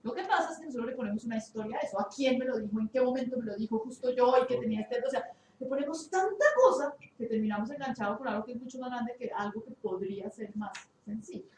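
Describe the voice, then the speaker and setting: Female participant, fairly high, halting storyteller; distant in echoey room. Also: darkish tone. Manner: halting, searches for words. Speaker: workshop participant. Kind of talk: retelling an anecdote in class. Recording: echoey room, far from the mic, faint hiss.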